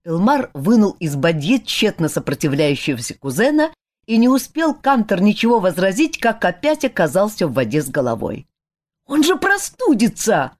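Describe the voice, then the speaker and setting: Low, lively woman narrating a novel. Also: moderate pace. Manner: expressive, lively storytelling. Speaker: audiobook narrator. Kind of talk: scripted narration.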